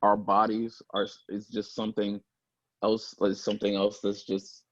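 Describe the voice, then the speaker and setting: A man's voice: lowish voice, monotone, normal speed, lo-fi sound. A male student in a classroom, answering and asking questions hesitantly and trailing off.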